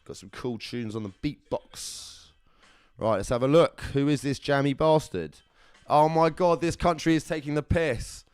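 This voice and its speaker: A man's voice: fairly high pitch, moderate pace, a little mellow, clear, resonant tone, dry recording. A young man, hosting a live competition draw in casual, upbeat chat, calling viewers lovelies and brother.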